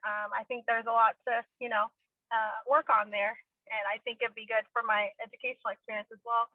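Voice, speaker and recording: A woman graduate speaking on a video call, grateful and nervous, a little halting. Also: a little high, animated, no room sound. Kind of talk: short speech over a video call. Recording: dry tinny phone-like audio.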